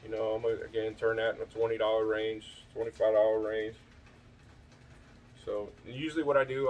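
A man's voice: mid-range voice, distant mic, a little hiss or hum. Rambling man on a back porch, mic set back. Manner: rambling, lots of fillers and restarts. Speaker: thrift reseller showing his finds. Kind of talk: casual vlog show-and-tell. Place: back porch outdoors at night.

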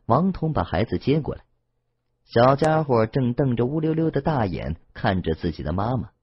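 一名男性有声小说演播者，用讲故事的方式朗读网络小说，录音音质发闷。. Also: male voice, mid-range voice, moderate pace, slightly rough, no echo, muffled recording. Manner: steady, expressive storytelling. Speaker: audiobook narrator. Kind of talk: scripted audiobook narration.

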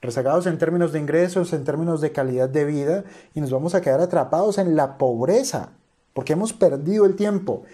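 A man's voice: on the high side, warm tone, slightly rough. A man, an investor, reacting to a video with earnest, motivational commentary and speaking directly to his viewers.

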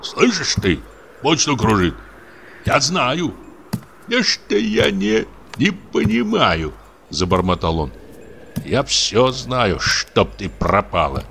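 A man's voice: fairly low pitch, big pitch swings, slow, pushed and bright, slight background noise, full character voice. Man doing a grumbling, ranting village deacon. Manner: grumbling, accusing, tearful muttering. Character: frightened superstitious village deacon, older man.

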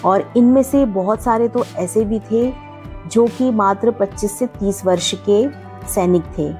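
A woman's voice: mid-range voice, a little slow, warm tone, soft background music. A woman narrating a travel vlog voice-over in a formal, reverent tone, often turning to the viewers as friends.

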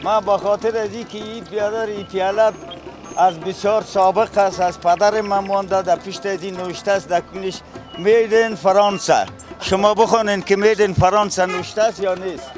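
A man's voice: high voice, steady tone, faint music behind. A man in his thirties with an Afghan Dari accent, talking expansively and rambling as an interviewee. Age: 30s.

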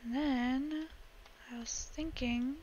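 A young woman gaming vlogger chats casually as she plays a building game, rambling with giggly asides while her voice cracks now and then. Her high voice has fairly even intonation, a darkish tone and a slow pace. The audio is dull, with slight background noise.

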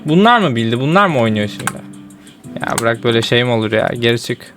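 A man's voice: mid-range voice, animated, fast, a bit bright, faint music behind. A young man giving casual commentary while playing a geography game, often exasperated and breaking into outbursts. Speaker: gaming streamer.

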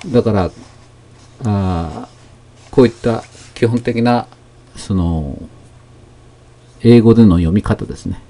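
Low, mellow-voiced male math teacher. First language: Japanese. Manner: slow, explanatory, with many fillers and pauses. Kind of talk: lecture explaining technical English terms.

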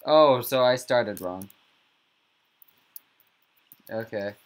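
A man giving casual, jokey gameplay commentary as a YouTuber, with sudden squeaky outbursts. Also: very slow. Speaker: gaming YouTuber.

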